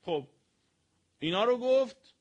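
A man giving a sermon on history, telling it in an animated way with sudden loud and soft swings. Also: very high-pitched, lo-fi sound.

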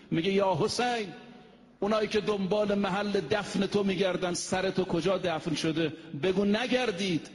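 High-voiced preacher in an echoing hall. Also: male voice. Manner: declaiming, slows to intone Arabic quotations. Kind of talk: mosque sermon. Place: mosque.

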